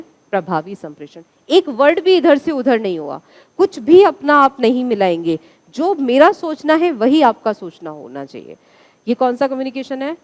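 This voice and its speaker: Woman teacher, classroom lecture, higher voice, lively up-and-down pitch, quizzes the class. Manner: asks the class questions and answers them herself.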